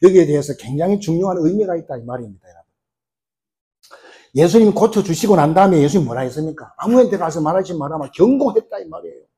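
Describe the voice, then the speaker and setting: A middle-aged man preaches a sermon with plenty of rhetorical questions and quick acted-out quotes. His voice sits a little high for a man, but the tone is mellow and warm. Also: expressive. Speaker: pastor.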